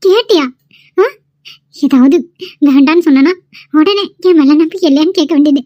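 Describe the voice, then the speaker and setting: A frightened young college girl in a cartoon pleads and accuses through tears, voiced by a woman. Her voice sits very high. The sound is dry and close. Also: moderate pace, a little mellow, no room sound, lo-fi sound. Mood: tearful, accusing. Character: tearful young female college student, frightened and reproachful. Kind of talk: cartoon voice acting.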